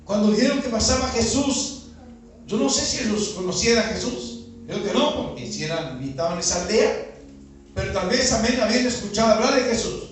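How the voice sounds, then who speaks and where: A man's voice: high-pitched, animated, a little fast. A man with a Uruguayan Spanish accent, a pastor preaching a sermon and firing rhetorical questions at his congregation, recorded outdoors in a neighborhood. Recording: echoey, from far off, with faint music.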